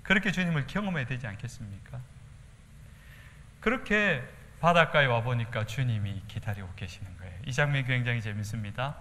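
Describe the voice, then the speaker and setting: Daegu pastor guy w/ gyeongsang accent preaching, bright voice, big church reverb. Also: medium pitch, fairly quick. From Daegu, South Korea. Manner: animated preaching with acted-out quotes. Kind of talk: sermon. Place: church sanctuary.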